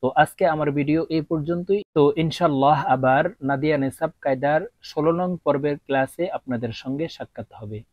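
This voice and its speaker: A man teaching Arabic letter pronunciation, chanting slow drills and then quickly explaining. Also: fairly high pitch, dry recording. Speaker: Quran reading teacher. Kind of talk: slow drilled recitation lesson. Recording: dry, tinny phone-like sound.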